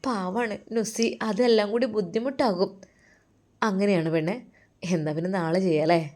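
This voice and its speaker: A woman voicing a gentle young husband who talks softly and reassuringly. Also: mid-range voice, moderate pace, lightly acted.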